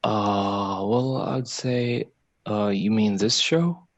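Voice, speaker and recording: A man from Algeria calling in to a show, excited and halting, with many fillers, on dull lo-fi call audio. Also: lowish voice, dry recording. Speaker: caller. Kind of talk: call-in conversation.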